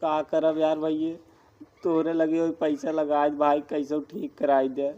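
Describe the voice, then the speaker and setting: A man's voice: a little high, completely flat delivery, unhurried, mellow, dull audio, natural voice. A man with an eastern Uttar Pradesh accent playing a town drunk, a whiny, pleading village husband, in an amateur comedy skit.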